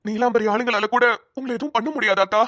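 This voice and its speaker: A woman's voice: fairly high pitch, fairly even intonation, fast talker, fairly bright tone, no echo, studio quality, lightly acted. A woman voicing an earnest, protective young male police officer in a cartoon, talking urgently and stammering at times. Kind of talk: cartoon voice acting.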